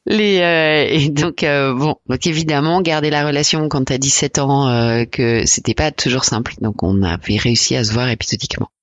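A woman in her forties from France, a podcast guest talking reflectively and hesitantly about her life, with many pauses and fillers. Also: extremely low pitch, dry recording, lo-fi sound. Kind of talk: personal interview conversation.

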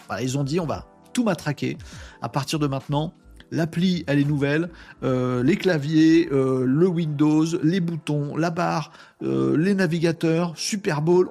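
A fairly high-voiced man hosting a live stream from his desk, talking in a loose, slangy way. He keeps turning to his viewers and answering their chat with quick energy. Faint music plays underneath. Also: creaky. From France. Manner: slangy, animated, addresses chat viewers directly. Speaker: live webinar host. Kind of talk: casual live-stream talk.

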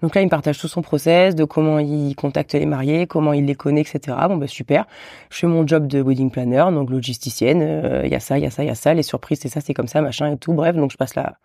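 A woman in her thirties, a wedding officiant, telling her story as a guest in a casual podcast chat, lively and full of restarts. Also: low voice, quick pace, vocal fry, dry recording, clean studio sound.

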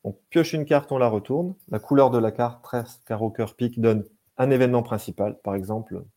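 A man's voice: mid-range voice, a little fast, dark tone. A man talking as a game designer and translator in casual chat, enthusiastic, often restarting and repeating words.

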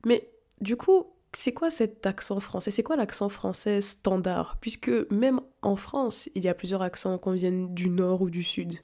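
A woman from Africa hosts a podcast and narrates a script with poise. Her voice is mellow and dark in tone. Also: medium pitch, a little slow. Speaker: podcast host.

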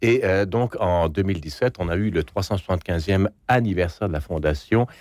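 Low-voiced Québécois man explaining. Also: brisk, a little mellow, dry recording. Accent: Québécois French. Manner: thoughtful, explanatory, many hesitations. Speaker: guest journalist and essayist. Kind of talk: radio interview.

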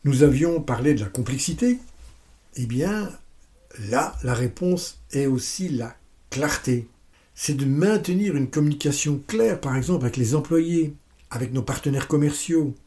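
A man's voice: a little high, normal speed. A man presenting a business lesson step by step, with playful, self-mocking asides. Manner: steady step-by-step explaining.

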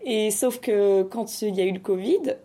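A woman's voice: mid-range voice, lively intonation, moderate pace, dark tone. A woman in her twenties, from Switzerland, recounting her path as a podcast guest in a hesitant, thoughtful way with many fillers. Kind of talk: casual podcast conversation.

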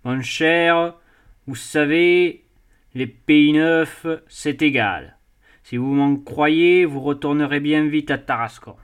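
A man's voice: on the high side, slow, smooth. A man voicing a jovial, mocking middle-aged sea captain who teases and laughs as he talks. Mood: mocking amused.

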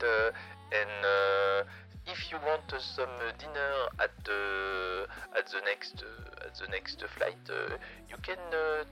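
A man putting on a hesitant airline captain making cabin announcements in halting English with a French accent, full of "uh". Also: fairly low pitch, pushed and bright, full character voice. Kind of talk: mock pilot announcement on a live stream.

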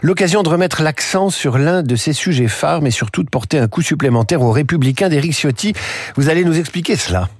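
A man's voice: a little high, animated, a little fast, no echo. A man with a French accent from France presents live morning radio news as the host, close to a studio microphone.

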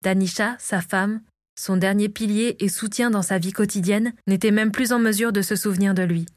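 A woman narrating a fantasy audiobook in a calm, measured storytelling manner. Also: medium pitch, no echo. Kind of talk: scripted narration of a fantasy novel.

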